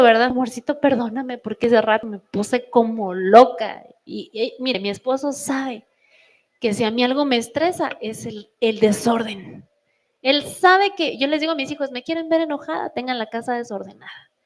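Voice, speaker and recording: A middle-aged woman with a Mexican Spanish accent delivers a sermon from the pulpit. Her voice sits a little high, and she tells stories lively, acting out family quarrels in quoted voices. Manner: animated storytelling with quoted voices. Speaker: preacher.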